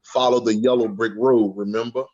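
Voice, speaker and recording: A man's voice: mid-range voice, fairly even intonation, moderate pace, a little mellow, natural voice. A man voicing an all-present goddess who gives profane, matter-of-fact commands, on dull lo-fi audio. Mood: commanding.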